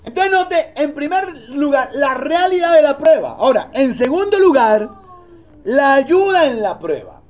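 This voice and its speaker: A male pastor preaches in a high voice and tells the story in a lively, animated way. He often breaks off to ask the congregation questions, and the recording sounds dull and lo-fi. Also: measured pace. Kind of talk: sermon.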